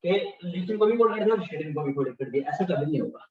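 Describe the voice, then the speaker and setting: A man's voice: on the high side, expressive, quick pace. A man teaching a class, repeating key terms and often checking that students follow. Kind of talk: classroom lecture. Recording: distant, echoey, dull-sounding classroom recording.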